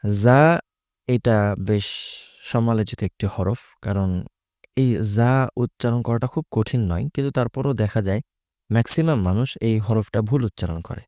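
A man's voice: mid-range voice, moderate pace, warm tone, no room sound, clean studio sound. A man teaching Quran recitation, explaining Arabic letters patiently and methodically, repeating each letter's sound.

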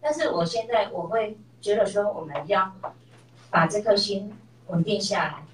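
A woman's voice: medium pitch, moderate pace, a little hiss or hum. A middle-aged woman telling a personal story in a class, acting out the voices of the people in it. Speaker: class member sharing a story. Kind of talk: personal testimony. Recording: echoey room, voice from far off.

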